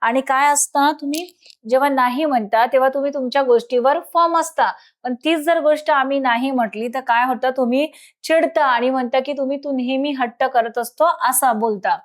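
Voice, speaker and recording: High-voiced woman teacher. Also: steady tone. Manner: reads English lines slowly, then translates and explains. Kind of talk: English lesson explained in Marathi.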